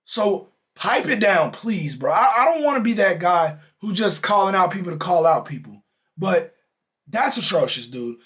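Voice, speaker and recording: A young man hosting a podcast, ranting in a heated, exasperated way about a football game and straining a voice he says is going hoarse. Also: high voice, big pitch swings, normal speed, a bit bright. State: losing his voice. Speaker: podcast host. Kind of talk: animated sports reaction rant.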